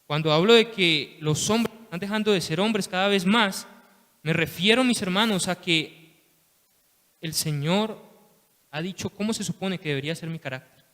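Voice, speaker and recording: A lay preacher delivers an impassioned sermon to his congregation in a fairly high, somewhat bright voice at a moderate pace, repeatedly saying "hermanos" and "¿sí?". The church hall gives a long reverb.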